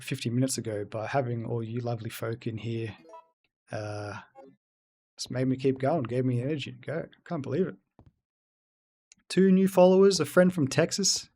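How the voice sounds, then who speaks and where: Speaking at a medium pitch with a darkish tone, this man is streaming a game and chatting casually, reading viewers' messages out loud and responding to them in relaxed let's-play commentary.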